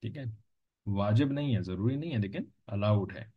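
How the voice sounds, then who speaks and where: A man's voice: on the low side, lively intonation, moderate pace, slightly rough. A man teaching a religious lesson in an explanatory lecture style, patiently repeating points and checking that listeners follow. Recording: dull lo-fi recording.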